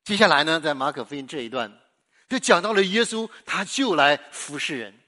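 A man preaching a sermon, swinging between loud, emphatic lines and hushed ones, asking the listeners repeated questions. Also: on the high side, expressive, fairly quick. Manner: repetitive rhetorical questions to the listeners. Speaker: pastor.

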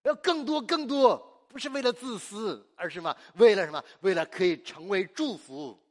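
A man's voice: high voice, animated, moderate pace. A man from China preaching a sermon, exuberant and emphatic, asking the congregation questions and answering them himself. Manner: call-and-response, asks the congregation and answers himself; exuberant and emphatic, laughs often.

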